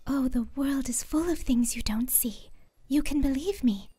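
A woman voicing a serene, childlike, otherworldly empress in a fantasy audiobook, speaking in a gentle, measured, breathy whisper. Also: high voice. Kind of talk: fantasy audiobook character dialogue.

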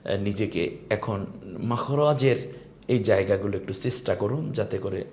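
A man's voice: lowish voice, a little slow, a little mellow, slight background noise. A man teaching an online Quran lesson, patient and encouraging, drawing out Arabic letter sounds for students to repeat. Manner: encouraging, addresses students politely.

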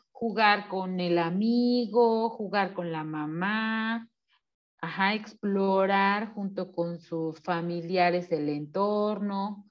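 A woman giving an online seminar talk, explaining slowly and putting questions to her audience. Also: medium pitch, highs cut off. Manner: slow, explanatory, asks the audience questions and acts out baby and mother voices. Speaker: seminar speaker.

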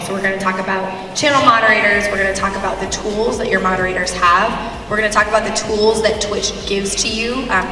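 A woman's voice: medium pitch, recorded from a distance. Woman running a convention panel, mic heard from way back, big echoey hall. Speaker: panel moderator. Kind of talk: presenting a conference panel. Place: large convention hall stage. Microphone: table mic, far from camera. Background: music in the hall.

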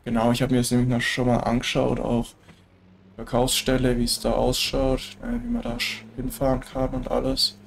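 This let's play gamer gives casual commentary on a farming game, his German-accented speech relaxed, chatty and full of filler tags. A cold leaves his nose stuffy; his medium-pitched voice is creaky, at a moderate pace, with slight background noise.

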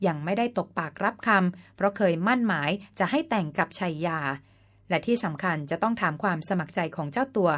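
Speaking at a medium pitch and a slightly quick pace, a woman hosts a folk-tale channel and narrates a scripted story. She is polite and explanatory, ends her phrases with the particle ka, and now and then spells words out letter by letter.

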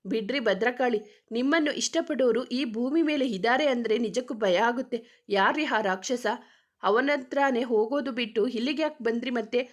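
A flustered, teasing young man from a storybook romance, voiced by a woman reading aloud. He stammers and slows down when caught off guard, then ribs the girl playfully. The voice sits fairly high. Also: lightly acted. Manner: hesitant, stammering questions.

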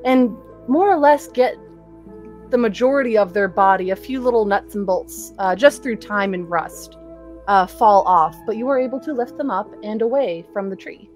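A young woman running a tabletop game as game master, describing scenes in an unhurried, conversational way. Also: mid-range voice, faint music behind. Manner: descriptive, unhurried, with laughs and fillers.

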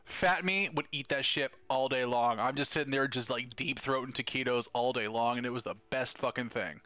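Male streamer, excitable and foul-mouthed, bright tone, dry close mic. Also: mid-range voice, moderate pace, no echo. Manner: profane, excitable, talks to chat. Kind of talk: casual live gameplay chat.

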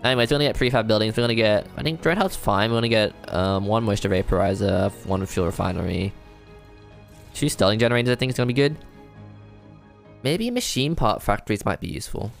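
A man giving casual let's-play commentary, thinking aloud, excitable and self-deprecating as he works things out. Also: on the low side, quick pace, gravelly. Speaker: gamer playing a strategy game. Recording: faint game music behind.

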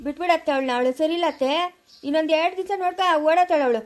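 A woman's voice: high voice, racing, a little mellow, lightly acted. A woman with a rural Chikkaballapura Kannada accent playing a young village woman gossiping scornfully about a relative.

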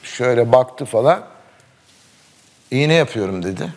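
A middle-aged man tells a long anecdote in a relaxed conversation. His voice swings widely in pitch as he quotes the people in the story, and he breaks into laughter often. He speaks at an ordinary middle pitch. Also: a little slow. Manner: animated anecdote-telling, quoting dialogue and laughing often. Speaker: sports commentator guest. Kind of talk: casual storytelling chat.

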